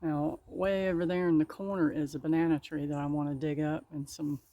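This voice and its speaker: Working outside in her garden, a gardening vlogger talks to her audience in a brisk, deep, mellow voice with a steady tone. She's somewhat out of breath, and her casual narration is folksy and punctuated by laughter.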